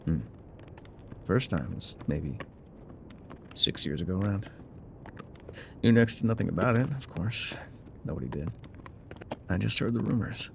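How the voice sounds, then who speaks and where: In an immersive ASMR roleplay monologue, a man plays a laconic, weathered frontier guide. His voice is low and gravelly with folksy pauses, and his musing is calm, wistful and haunted. A faint hiss or hum sits under the recording.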